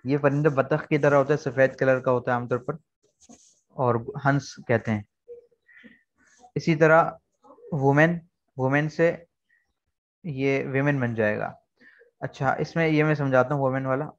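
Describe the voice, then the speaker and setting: A man's voice: medium pitch, fairly even intonation, unhurried, long pauses, dull audio. A man teaching an online English lesson, explaining words patiently and repeating key points. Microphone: video call.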